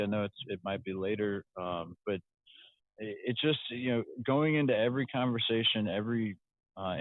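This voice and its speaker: A man's voice: fairly low pitch, no room sound. A man speaking reflectively in a casual online chat, with frequent restarts. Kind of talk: casual chat on an audio room. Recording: tinny phone-like line.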